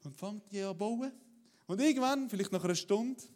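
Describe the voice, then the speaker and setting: A man preaching a sermon in a lively, conversational way, often asking "oder?". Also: high voice, brisk. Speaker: pastor.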